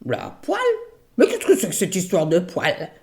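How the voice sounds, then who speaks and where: A woman storyteller voicing a greedy, hairy ogress with a gruff, loud, mocking voice. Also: fairly low pitch, wildly swooping pitch, normal speed, heavily acted. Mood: coaxing. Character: greedy hairy female ogress, sly and gluttonous.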